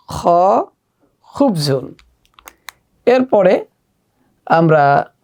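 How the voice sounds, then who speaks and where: A woman walks young learners through an Arabic alphabet workbook. She speaks slowly and patiently, with a gravelly, creaky edge to her mid-pitched voice. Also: darkish tone. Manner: slow, patient step-by-step instruction. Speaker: Arabic teacher for children. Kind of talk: workbook lesson walkthrough.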